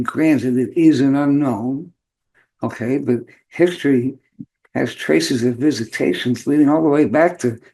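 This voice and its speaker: A man with a hoarse, worn voice hosting a show in an informal, halting monologue with rambling asides. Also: medium pitch, mellow, rough recording. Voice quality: hoarse, beat-up voice. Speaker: host of a spirituality show.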